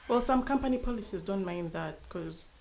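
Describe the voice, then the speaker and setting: A young woman guest in a casual podcast conversation, pausing and restarting as she talks. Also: mid-range voice, animated, vocal fry, a little mellow, slight background noise. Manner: hesitant, restarts often.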